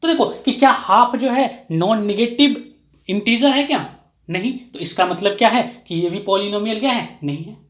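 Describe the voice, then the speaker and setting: A woman's voice: mid-range voice, normal speed, reverberant. A woman maths teacher giving an explanatory lesson, who keeps asking and answering her own questions and repeats key phrases for emphasis.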